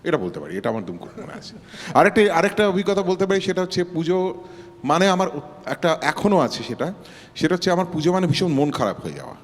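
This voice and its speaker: A man's voice: high-pitched, very animated, fast talker. A man, a singer guest reminiscing in a wistful, musing, self-deprecating way. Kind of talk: reflective casual chat. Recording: long hall reverb.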